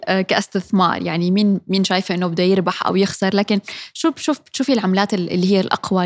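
A woman's voice: mid-range voice, no echo, studio quality. A woman with a Levantine Arabic accent, presenting a podcast and interviewing as its host.

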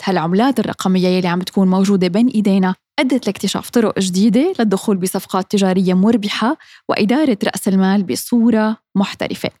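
A woman's voice: mid-range voice, darkish tone, dry recording, studio quality. A woman with a Levantine Arabic accent, presenting a podcast and interviewing as its host.

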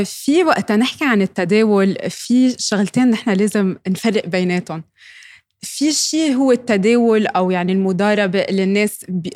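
A woman's voice: medium pitch, dry recording, clean studio sound. A woman with a Levantine Arabic accent explaining as an expert interview guest, dropping English terms into her Arabic. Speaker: guest cryptocurrency trading expert and educator.

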